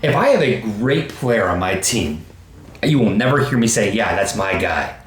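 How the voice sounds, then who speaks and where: A youth baseball coach in his thirties co-hosts a casual podcast, speaking in an animated, emphatic way and acting out quotes, including asides quoting himself. His voice is lowish, at normal speed, and the recording has a roomy echo with faint background noise.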